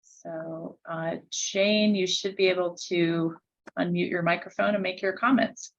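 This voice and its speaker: A woman moderating a webinar on a video call, brisk and polite as she calls the next speakers. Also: on the low side, steady tone, highs cut off. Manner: brisk, polite, keeps things moving. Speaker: meeting moderator.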